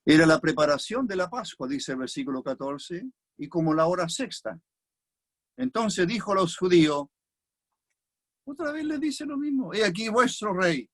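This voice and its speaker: Chilean male preacher, husky voice, reflective expository sermon, repeats phrases for weight. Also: high-pitched, lively intonation, normal speed, pauses often. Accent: Chilean Spanish.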